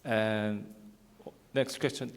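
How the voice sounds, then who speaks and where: Korean accent guy asking questions at a talk, slow and hesitant, echoey hall. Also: lowish voice, fairly even intonation. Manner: hesitant, repetitive phrasing. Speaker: audience member asking questions. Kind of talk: spontaneous question from the floor. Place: large hall with an audience. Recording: echoey hall with long reverb.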